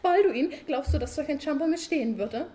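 A woman's voice: lively intonation, brisk, dark tone. Frau Sumsumse Brumsel, a nagging beetle wife, voiced by a woman. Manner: high, insistent, preachy questioning.

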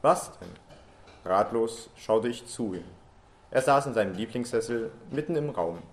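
A man reading a first-person story aloud in a quiet, slow, melancholy way. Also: mid-range voice, lively intonation. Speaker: story reader.

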